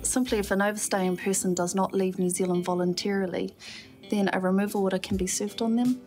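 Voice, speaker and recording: A woman official answering interview questions in a measured, formal way. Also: medium pitch, steady tone, a little mellow, faint music behind. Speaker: immigration official.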